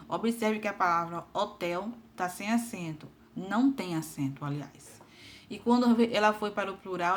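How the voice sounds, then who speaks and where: A woman teaches a grammar lesson at a patient, steady pace. She reads out word pairs one by one and often stops to check in with her class. Her voice sits at an everyday middle pitch.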